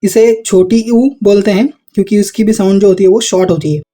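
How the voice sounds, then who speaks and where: A teacher walking students through Hindi vowel signs, spelling out words one syllable at a time. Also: male voice, high voice, fairly even intonation, fairly quick, warm tone, faint music behind. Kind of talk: Hindi phonics lesson.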